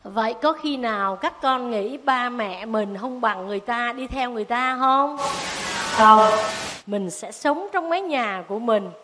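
A Buddhist nun gives a storytelling dharma talk to children. She speaks in a fairly high voice and keeps drawing them in with questions. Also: a little slow, noisy background. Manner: animated, asks the children questions.

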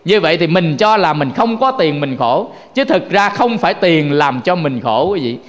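High-voiced monk preaching in a hall. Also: male voice, sing-song, normal speed. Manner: conversational, keeps addressing listeners directly. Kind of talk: folksy sermon. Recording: long hall reverb.

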